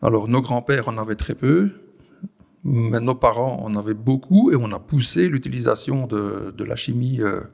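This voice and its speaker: A man in his forties with a Belgian French accent, a farmer explaining his work in an interview, pausing and restarting often. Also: medium pitch, creaky, a little mellow. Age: 40s. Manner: hesitant, many restarts and fillers. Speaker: farmer, guest. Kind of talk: conversational interview.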